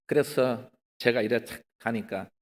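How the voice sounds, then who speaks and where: A man's voice: mid-range voice, measured pace. A male pastor with a Gyeongsang accent, preaching a testimony sermon and calling out to the congregation. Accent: Gyeongsang Korean. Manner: animated, often addresses the congregation, acts out his own excited pleading. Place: prayer retreat hall. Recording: long hall reverb.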